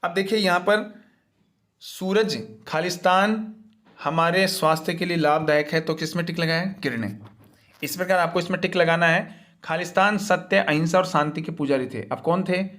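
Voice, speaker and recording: Man, teacher, slightly high voice, patient, repetitive, step-by-step worksheet lesson. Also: normal speed, fairly bright tone.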